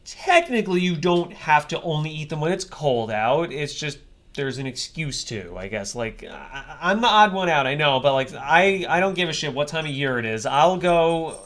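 Higher-voiced man, rambling casual podcast host. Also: animated, normal speed, a bit bright. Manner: rambling, wry, swears casually. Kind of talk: casual chat.

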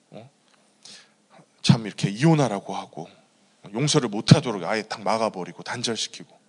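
A man's voice: medium pitch, big-room sound. A male pastor preaching a sermon and telling a personal story in an earnest way. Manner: earnest storytelling, many fillers.

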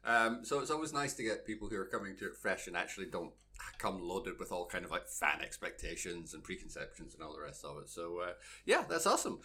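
A Scottish man hosting a casual podcast, chatty and quick to laugh. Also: sits low, breathy edge. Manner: chatty, laughs easily, lively. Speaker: podcast host.

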